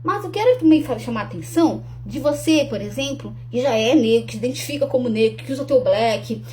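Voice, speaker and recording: A young woman talks earnestly and directly to the camera. Her voice sits a little high but sounds mellow and warm. She often restarts her sentences and adds tag questions, while a faint hum runs underneath. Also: animated, brisk. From Rio Grande do Sul, Brazil. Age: young adult. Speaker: speaker promoting her talk. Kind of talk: casual to-camera talk.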